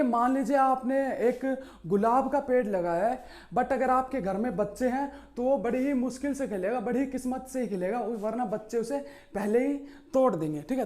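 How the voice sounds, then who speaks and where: A man teaching history, walking students through memory tricks with a mellow, soft tone. He poses his own questions and answers them right away, closing nearly every point with a quick okay. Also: extremely high pitch.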